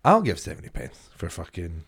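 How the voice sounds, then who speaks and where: Man, slightly low voice, comedy podcast co-host, casual banter, sweary, joking, easily amused. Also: wildly swooping pitch, a little fast, creaky, a bit bright, slightly rough. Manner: sweary, joking, often breaking into laughter.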